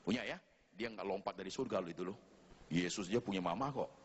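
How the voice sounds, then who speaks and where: A man's voice: low-pitched, brisk, breathy edge. A man preaching a sermon to his congregation, telling humorous stories and acting out the people in them. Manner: humorous, animated storytelling with mimicked voices. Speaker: pastor. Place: church.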